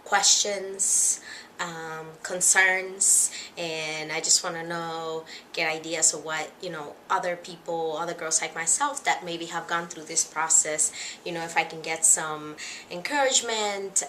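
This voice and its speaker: Speaking to camera in her first casual vlog, a young woman from the Dominican Republic sounds a little nervous, pausing often and using fillers. Her voice sits a bit low but has a bright, forward edge, with faint background noise behind her.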